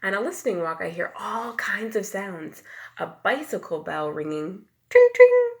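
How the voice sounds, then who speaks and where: In a medium-pitched, sing-song voice, a woman teacher unhurriedly reads a picture book to young children. She dramatizes the sound words, whispering some and calling others loudly, and asks questions while explaining simply.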